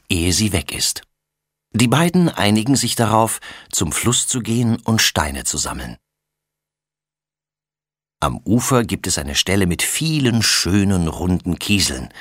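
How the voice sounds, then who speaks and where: Husky low-voiced man reading a children's story. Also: no room sound, clean studio sound. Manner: expressive, storytelling melody. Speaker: audiobook reader.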